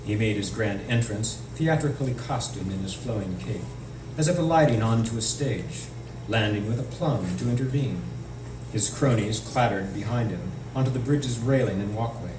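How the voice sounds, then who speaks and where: Speaking at a moderate pace in a fairly low voice, a male author reads a narrative passage from his novel aloud at a live indoor event. The microphone was distant, and the room is echoey and noisy.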